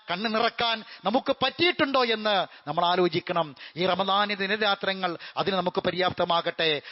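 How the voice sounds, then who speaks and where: A man's voice: high-pitched, highs cut off. A man preaching a Friday sermon in a mosque, fervent, repeating phrases for emphasis and chanting Arabic verses.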